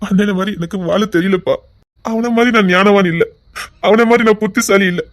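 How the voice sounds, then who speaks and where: A man's voice: high voice, fairly quick, close to an everyday voice. A man playing a remorseful, earnest son. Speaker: actor in a television serial. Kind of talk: television drama acting.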